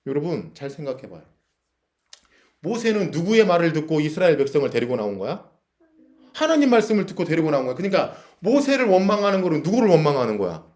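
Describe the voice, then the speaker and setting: A man's voice: a little high, huge pitch swings, fast, darkish tone. A man teaching a Bible lesson to young people at chapel, asking them questions and reading verses aloud. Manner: asks the listeners questions, reads verses aloud, acts out scenes. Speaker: teacher leading a youth chapel.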